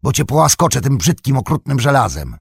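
A man voicing a loyal, fierce young male hobbit in an audiobook who shouts urgently. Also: medium pitch, huge pitch swings, measured pace, creaky, husky, dry recording, clean studio sound, voice pushed up, exaggerated voice. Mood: angry.

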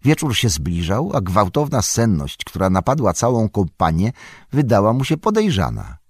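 Deep husky guy reading a story out loud, dramatic, dry close mic. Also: huge pitch swings, moderate pace, no echo. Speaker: audiobook narrator. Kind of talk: scripted storybook narration.

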